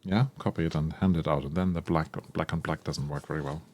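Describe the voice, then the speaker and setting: A man's voice: a bass voice, steady tone, fast, a little mellow, slight background noise. A man giving casual, enthusiastic unboxing commentary as a tabletop game creator, thinking aloud with frequent ums and self-corrections. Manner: enthusiastic about the product. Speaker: tabletop RPG content creator.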